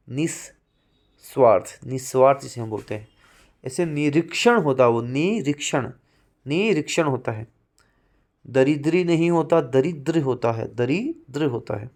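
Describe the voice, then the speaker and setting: A male teacher with a Rajasthani Hindi accent giving an exam-prep class lecture, slowly saying each answer and then repeating it. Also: mid-range voice, lively intonation.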